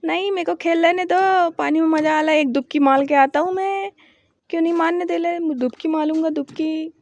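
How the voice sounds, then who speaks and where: A woman's voice: extremely high pitch, fairly even intonation, brisk, voice pushed up. A woman voicing a playful little male animal that pleads to keep playing in the water, in a childlike whine. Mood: pleading, playful.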